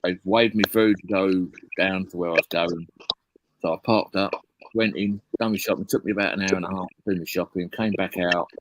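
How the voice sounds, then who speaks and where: A man with a notably low, deep voice. He chats casually on a live stream, telling a long story in a blunt, profanity-heavy way. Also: steady tone, fairly quick, slight background noise, low-quality recording. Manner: heavy swearing, blunt rambling anecdote.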